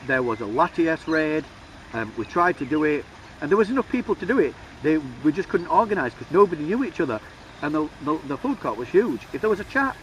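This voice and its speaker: A man in a casual vlog, talking fast and excitedly about game news. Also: fairly high pitch, far from the mic, a little hiss or hum, rough recording. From United Kingdom. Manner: excitable, enthusiastic, talks fast. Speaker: YouTuber.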